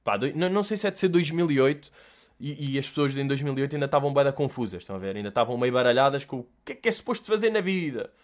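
Young Portuguese male host, mid-pitched, casual and jokey, slang-heavy, swears freely. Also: very fast. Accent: European Portuguese. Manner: animated and joking, with lots of slang and swearing. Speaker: podcast host answering listener questions. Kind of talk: casual solo chat.

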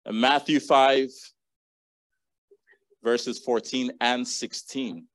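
A man's voice: medium pitch, steady tone, very slow, a bit bright. Guy preaching at church, earnest, reads out verses, dry sound no echo. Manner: earnest preaching, reading and repeating scripture verses. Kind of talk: sermon.

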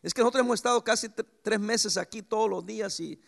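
Male pastor, high gravelly voice, very lively swings in pitch, preaching with homely stories. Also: quick pace. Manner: lively preaching with sudden pitch jumps and anecdotes. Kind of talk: sermon.

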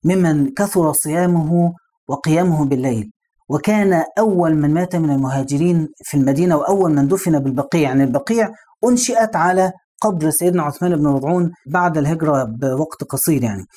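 With a quick pace and a fairly high but dark-toned voice, an Islamic preacher with an Egyptian Arabic accent gives a conversational lesson built on stories and rhetorical questions to the listener.

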